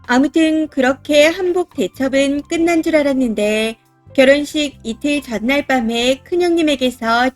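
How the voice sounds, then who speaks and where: A woman with a high voice reads a listener's story aloud, telling it steadily in the first person. Light music plays faintly behind her. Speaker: story reader. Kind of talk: scripted narration of a reader's story.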